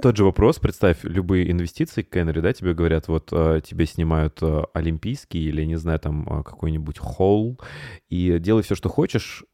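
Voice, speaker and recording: A man's voice: low voice, normal speed, warm tone, no echo, studio quality. A man hosting a podcast, asking long, roundabout questions in a casual, rambling way. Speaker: podcast host.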